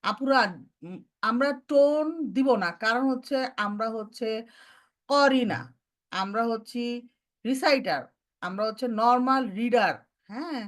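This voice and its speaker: A woman teaching Quran recitation, mixing in English terms and demonstrating each sound slowly. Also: on the high side, a bit bright. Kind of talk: online recitation lesson.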